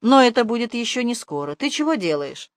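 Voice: mid-range voice, big pitch swings, a little fast, no room sound, studio quality, voice pushed up. An audiobook narrator voicing a sarcastic, scruffy male talking rat with a mocking, needling manner. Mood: snide. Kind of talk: audiobook character voice.

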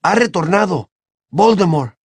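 Male reader doing a hurt teen boy, murmured and pleading, higher than his own voice. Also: expressive, unhurried, husky, no room sound, heavily acted. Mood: dazed. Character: dazed, hurt teenage boy hero.

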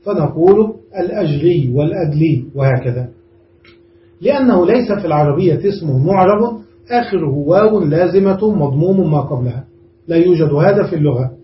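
A man's voice: fairly high pitch, animated, a little fast. A man giving a classroom grammar lesson, explaining step by step and often checking whether the class understood. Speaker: grammar teacher. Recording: roomy, distant, dull lo-fi room recording with faint noise.

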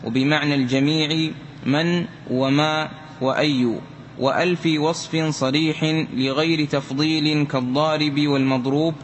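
A man reads a classical grammar text aloud for the class in a steady, slightly sung cadence. His voice sits at a middle pitch, with a faint hiss behind it. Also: unhurried. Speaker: student reciting the text.

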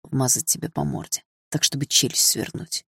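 A furious young man speaks through gritted teeth with restrained menace, as a male narrator reads him. The voice is low and gravelly. It is an audiobook reading, recorded dry and close. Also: fairly even intonation, moderate pace, sharp tone, no echo, heavily acted. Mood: menacing.

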